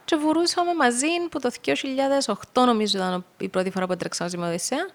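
A young woman with a Cypriot Greek accent, a rally co-driver talking as a guest in a relaxed podcast chat, telling stories loosely with plenty of fillers. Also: on the high side, vocal fry. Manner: chatty, loose storytelling with many fillers. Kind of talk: casual podcast conversation.

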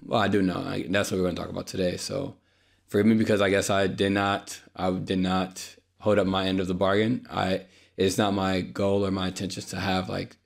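Gravelly and low, this young podcast host talks solo and unscripted through a podcast microphone. He sounds worn out and apologetic, his voice a bit dry, and his speech is full of fillers and false starts.

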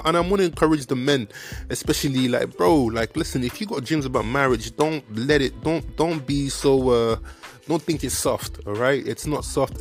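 An earnest young podcast host gives a casual faith talk straight to his viewers, encouraging and preaching while repeating himself for emphasis. His medium-pitched voice is full of fillers like "like" and "you know what I mean." Faint music plays quietly beneath him.

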